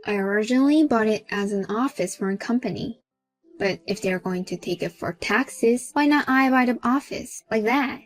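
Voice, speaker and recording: A woman telling a dramatized first-person story, speaking in a calm, firm and cool manner. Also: fairly high pitch, moderate pace, soft background music. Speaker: narrator and homeowner in the story.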